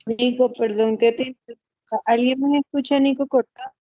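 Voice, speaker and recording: Woman classmate cutting in on a glitchy online call; voice breaks up from a bad connection, warm and mellow. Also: fairly high pitch, fairly even intonation, normal speed, no room sound. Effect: choppy, breaking-up online call connection. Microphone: video call.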